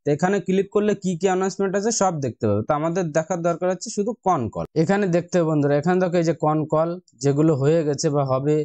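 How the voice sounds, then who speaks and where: With an Indian Bengali accent and a fairly high, darkish-toned voice, a man hosting an investing tutorial guides viewers step by step in a casual, instructional way, calling them friends. The sound is dry.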